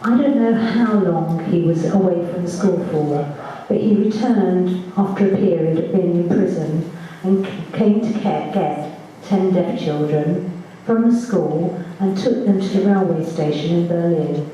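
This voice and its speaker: A woman giving spoken first-person testimony at a reunion, measured and halting, with small restarts, in a large assembly hall on a distant mic. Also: fairly low pitch, mellow, muffled recording, slight background noise. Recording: echoey hall from far off.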